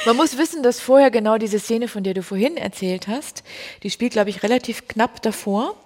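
A woman's voice: on the high side, expressive, normal speed, a little mellow. A woman discussing a literary scene in an engaged, explanatory way. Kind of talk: analytical discussion.

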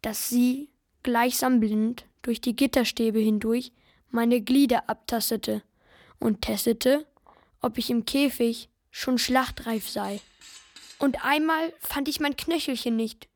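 A woman's voice: a little high, slow, no echo, studio quality. A woman voicing a frightened, guilt-ridden boy who narrates earnestly in the first person. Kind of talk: radio play narration.

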